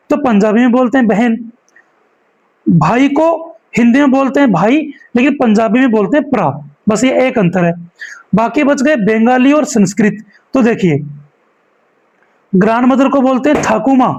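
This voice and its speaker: Very high-voiced man teaching a class. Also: a little mellow, muffled recording. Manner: explains step by step, often checks in with "okay?". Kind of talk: explaining a school lesson.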